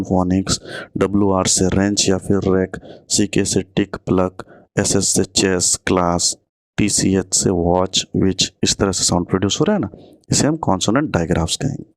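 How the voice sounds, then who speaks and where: Male teacher, low-pitched, reading exam questions deliberately, dry close recording. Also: no echo. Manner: reads English questions slowly, then explains quickly in Hindi. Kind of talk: online exam-prep lesson.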